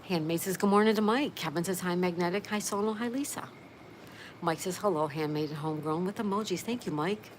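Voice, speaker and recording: A livestream host, a woman in her sixties with a low voice, talks fairly quickly over a noisy background. She's chatty, greeting viewers, repeating phrases, and reading their comments aloud in a casual live chat.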